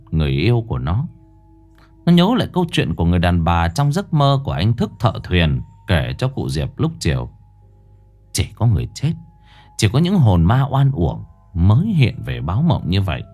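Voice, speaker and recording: A man's voice: sits low, wildly swooping pitch, moderate pace, darkish tone, soft background music. A man narrating a ghost story in a dramatic, suspenseful way.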